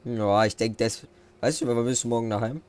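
A man hosts a farming game let's play, chatting with friends in a relaxed, slangy way and signing off the episode. His mid-range voice is brisk and smooth.

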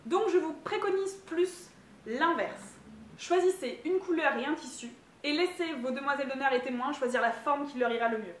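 A woman's voice: high-pitched, moderate pace, echoey room, a little hiss or hum. A woman, a wedding planner giving upbeat advice straight to the viewer in a tutorial. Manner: upbeat, direct to camera.

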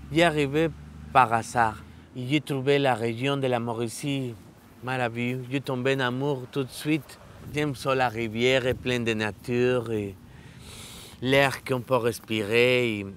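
In a filmed testimonial interview at a riverside park, a Mexican man in his thirties speaks French as a learner, with a Mexican Spanish accent. He is an adult literacy student, earnest and halting, with many restarts and fillers. His voice is mid-range, and there is slight background noise.

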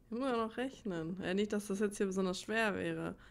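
Over game music, a woman hosting her channel plays through a game with casual commentary, puzzling things out as she mutters and thinks aloud. She speaks fairly quickly at a medium pitch with vocal fry, and there's slight background noise.

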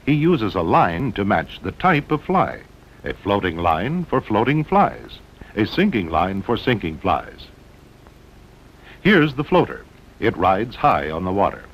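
This is a muffled old film soundtrack, rumbling in the background, where an American man narrates a 1960s promotional documentary. His sing-song voice keeps a measured pace as he dramatically delivers punchy short phrases.

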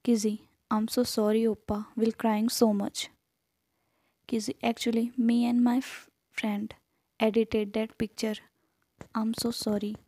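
A woman's voice: a little high, level tone, unhurried, dark tone, no echo. A woman reading the lines of an apologetic young sister in a fan story, naming her before each line. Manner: reads the figure's name before each line. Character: young girl-in-law, apologetic sister who edited a photo.

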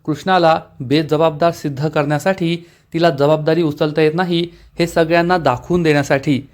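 A man narrating a recap of a TV serial episode in a steady storytelling manner. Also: on the high side, normal speed.

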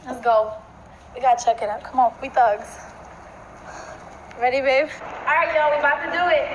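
A woman's voice: high-pitched, normal speed. A young woman talking casually and emotionally to camera as a nervous vlogger. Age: young adult. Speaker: vlogger in a gender reveal video. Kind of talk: casual excited talk to camera. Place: outdoors in a fenced yard. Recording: noisy, echoey outdoor phone video, played back.

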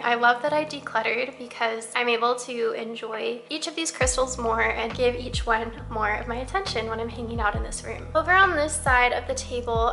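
A woman's voice: high voice, gravelly, bright, forceful tone. A young woman giving a chatty, upbeat tour of her home in a casual vlog, filmed on a handheld camera. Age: young adult. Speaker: vlogger. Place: rooms of a home, later a parked car.

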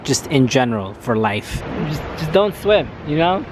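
A man's voice: medium pitch, very animated, normal speed, background noise. A man casually hosting a travel vlog outdoors, joking and laughing as he goes. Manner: jokey, laughing, playful. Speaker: travel vlogger.

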